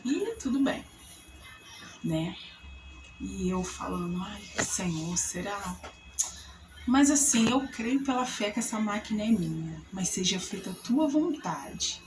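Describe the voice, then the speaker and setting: A woman in her thirties, a vlogger sharing a testimony, casually tells a personal faith story at a measured pace. She animatedly acts out what people said with big pitch jumps. Faint music plays behind the low-quality recording.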